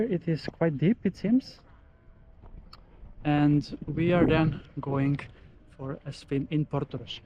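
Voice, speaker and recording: An upbeat travel vlogger, a man whose first language is Macedonian, narrates casually and enthusiastically with touristy commentary while out on a seaside beach promenade. His voice is a little high, and the recording is muffled with a noisy background.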